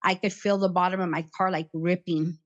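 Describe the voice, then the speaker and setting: Middle-aged woman telling her story in an interview, kinda low voice, stops and starts, muffled sound. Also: flat delivery. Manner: plain, halting retelling with frequent "like" fillers. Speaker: interview guest recounting her past. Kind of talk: personal account in conversation.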